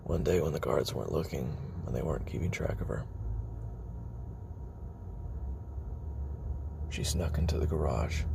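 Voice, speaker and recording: Bitter and grieving, a man plays a weary former child assassin confessing his memoir onto tape in a dramatic audio roleplay monologue. His extremely low voice is thick with gravelly fry and frequently drops nearly to a whisper. The heavily acted, halting delivery broods through trailing pauses, with clearly audible background ambience in the noisy homemade recording.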